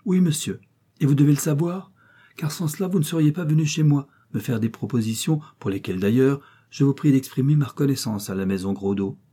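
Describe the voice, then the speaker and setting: A man's voice: mid-range voice, a little fast, mellow, breathy edge, pitched above the performer's own voice, natural voice. A man voicing a proud young widow, cool and cutting. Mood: coldly proud.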